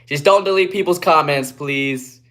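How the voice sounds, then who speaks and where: A young Guatemalan livestreamer reads comments aloud on a casual stream and answers in a laid-back way, often trailing off quietly. His voice is a little high at a moderate pace, captured through a phone propped on a ledge.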